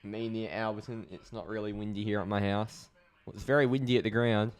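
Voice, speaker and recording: An Australian man hosting a live stream, giving excitable play-by-play commentary and chatting casually with his viewers. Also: fairly low pitch, fairly quick, clean tone. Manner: excitable play-by-play, chats with viewers, swears when frustrated.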